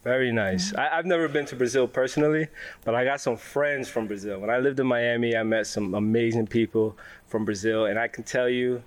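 A man's voice: medium pitch, fairly quick. Man hosting a casual interview. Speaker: interview host. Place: large car warehouse.

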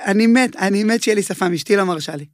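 A man talking as a chef guest in a casual interview. He tells his stories in an animated way and uses a lot of filler words. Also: high-pitched, no echo, clean studio sound. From Israel.

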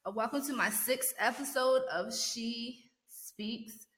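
She hosts a relaxed motivational podcast from a sparse, echoey room at home, speaking directly and encouragingly to her listeners. Her voice sits on the high side and is a bit bright, and she talks slowly.

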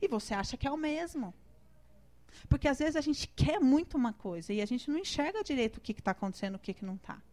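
High-voiced woman preaching with a Brazilian accent. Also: animated, quick pace, a little mellow. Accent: Brazilian Portuguese. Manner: conversational and emotional, acts out her prayers. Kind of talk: sermon with personal testimony.

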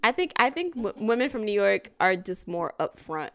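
A woman's voice: medium pitch, sing-song, moderate pace, fairly bright tone. A woman in her thirties co-hosting a podcast, talking bluntly and profanely in casual chat. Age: 30s. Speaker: podcast co-host.

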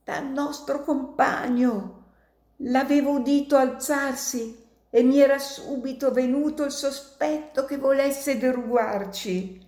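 Storybook role: woman doing old wounded miner, strained and gasping, high and roomy. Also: takes it slowly, a little mellow. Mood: dying, pleading. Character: old male American miner, wounded and dying.

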